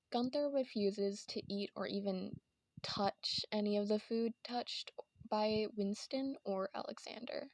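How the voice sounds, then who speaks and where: A woman's voice: medium pitch, a little mellow, dry recording. A woman with a lisp and whistling s, narrating an informal, partly scripted video essay into a headphone mic. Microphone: headset microphone from headphones.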